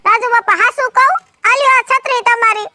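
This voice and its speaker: A woman's voice: very high voice, fairly even intonation, brisk, noisy background. A woman playing a sympathetic village woman who pleads with an old neighbor in a chatty way. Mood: pleading. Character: soft-hearted young village woman.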